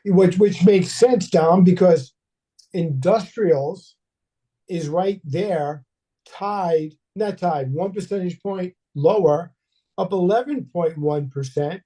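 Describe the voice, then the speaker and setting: A man with a fairly high but very dark, mellow voice leads a casual market chat. He asks his co-host questions and drops wry asides between them. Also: slow, husky. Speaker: co-host, financial advisor.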